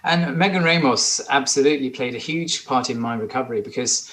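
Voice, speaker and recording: Guest: man in his forties, from Sri Lanka, earnest and eager, mid-pitched voice. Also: fairly quick, fairly bright tone. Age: 40s. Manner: earnest, eager, with some restarts. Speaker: podcast guest. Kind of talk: conversational interview.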